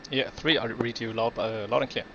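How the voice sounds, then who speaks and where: A man with a gravelly, fry-laden voice at a middling pitch runs through pilot checklist items. He speaks in terse, procedural fragments. The mic sounds muffled, with clear noise behind him. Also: steady tone, a little fast. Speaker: flight sim pilot. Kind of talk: checklist callouts and radio replies.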